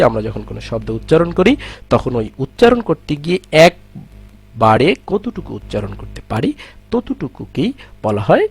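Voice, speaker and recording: A man's voice: mid-range voice, creaky, darkish tone, breathy edge. A man teaching an exam-prep grammar lesson with a Bangladeshi Bengali accent, asking questions and answering them himself.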